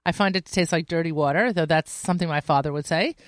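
A woman's voice: low voice, fast, dry recording. A woman who is a regular segment co-host on a radio show, bantering casually with dry, teasing retorts. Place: radio studio.

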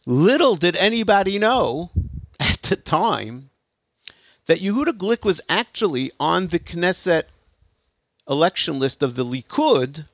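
A man's voice: sits high, very animated, unhurried, a bit bright, no echo, lo-fi sound. A man giving a lecture to an audience, telling a story emphatically with hesitant restarts. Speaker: speaker giving a talk.

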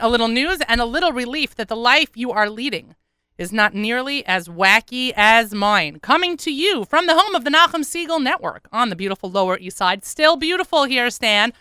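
Bright, tired-sounding woman radio host. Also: on the high side, animated, a little fast, smooth, dry recording. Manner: chatty, self-deprecating, upbeat. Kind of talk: casual radio chat. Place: radio studio. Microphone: studio microphone.

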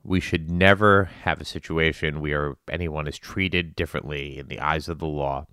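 Male, very low and clear voice, earnest commentary delivered in halting, emphatic phrases. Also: steady tone, sharp tone, dry recording, clean studio sound. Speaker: spin class instructor. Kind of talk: earnest monologue on current events.

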